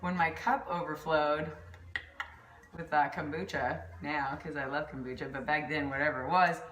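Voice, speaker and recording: A volleyball coach with a mild concussion chats casually in a vlog from her kitchen pantry at home, rambling and laughing easily. Her voice is low-pitched, steady and a bit bright at a moderate pace, picked up off-mic from a distance in an echoey room.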